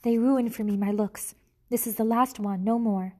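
A woman's voice: on the high side, steady tone, normal speed, dark tone, lightly acted. A woman reading aloud and voicing a vain, theatrical mother mouse with a French accent. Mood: melodramatic. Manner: theatrical, sighing, self-pitying.

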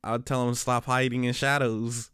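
Smooth-voiced man telling laid-back stories. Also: mid-range voice, flat delivery, moderate pace, a bit bright, no echo. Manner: laid-back, slangy storytelling with frequent restarts. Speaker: podcast co-host; special education teacher. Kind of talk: casual chat.

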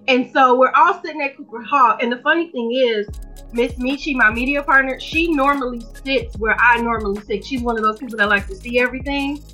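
A woman's voice: sits high, a little fast, bright, forceful tone, faint music behind. A woman hosting a podcast in a casual, chatty, informal and slangy way. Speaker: podcast host.

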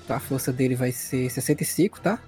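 Over music, a man with a Brazilian accent acts as game master for a tabletop role-playing game, narrating in a colloquial, explanatory way. His voice is medium-pitched and his pace quick.

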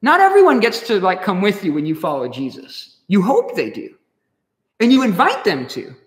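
A man's voice: high voice, huge pitch swings, moderate pace. A man giving a casual, slangy sermon with a laid-back, laughing manner. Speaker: pastor. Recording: echoey hall with long reverb.

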